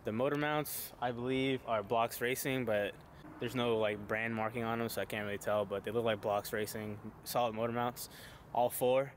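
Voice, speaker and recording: A man's voice: mid-range voice, steady tone, normal speed, a little hiss or hum. A young man vlogging outdoors, talking casually through his car's parts with lots of fillers and the odd swear word. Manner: laid-back, many fillers, casual swearing. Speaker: car vlogger. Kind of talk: casual walkaround car review. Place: outdoors behind a shopping store.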